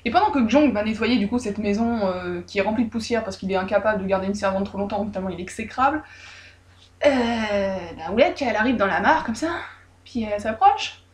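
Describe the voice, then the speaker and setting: A woman casually retelling a folk tale with lively, irreverent, joking asides. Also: mid-range voice, brisk. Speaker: storyteller. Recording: roomy echo.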